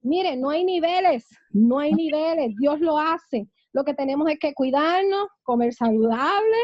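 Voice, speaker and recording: A woman pastor leads a church seminary class in a fervent preaching manner, often breaking into amens. Her voice sits very high. The recording is dry and slightly muffled. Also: expressive, a little slow, no echo.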